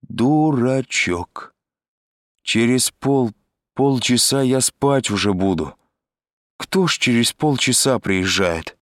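Drunk young woman on the phone, voiced by a male reader: slurred, drawn-out, stumbling, pitched high above his usual voice, in a storybook reading. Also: lively intonation, no room sound, studio quality.

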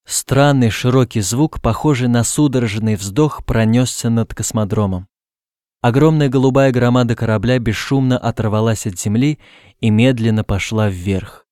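A man reading a novel aloud as narrator, calm and steady, raising his voice for the characters' shouts. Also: mid-range voice, moderate pace, dry recording, clean studio sound. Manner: reads calmly, lifts his voice for characters' shouts.

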